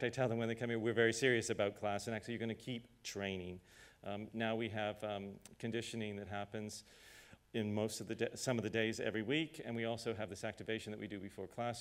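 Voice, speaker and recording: A man's voice: fairly low pitch, fairly even intonation, fairly quick. A middle-aged man who grew up in Canada, leading a Q&A as an artistic director and speaking directly, with hesitations, in a rehearsal studio. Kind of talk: candid conversational talk.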